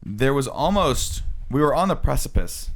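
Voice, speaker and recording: An American man in his thirties co-hosts a casual panel podcast, introducing his topic by earnestly explaining and posing questions in a rambling way. His mid-range voice is sing-song at a normal speed.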